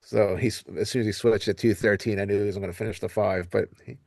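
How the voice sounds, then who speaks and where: A man's voice: on the low side, steady tone, fast talker, vocal fry, darkish tone. A middle-aged man chatting casually about coaching his son, rambling and laughing often. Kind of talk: casual conversation.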